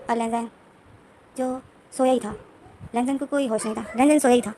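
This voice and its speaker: A woman's voice: a little high, darkish tone, slight background noise, low-quality recording. A woman casually retelling a romance story scene by scene, with loose, repetitive phrasing and frequent restarts.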